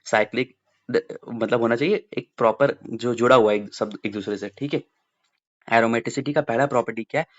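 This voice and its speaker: Lively Hindi-English science teacher, man. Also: medium pitch, a little fast, muffled recording. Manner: lively, mixes Hindi and English, repeats key points. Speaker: exam coaching teacher. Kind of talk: explaining science exam questions to students.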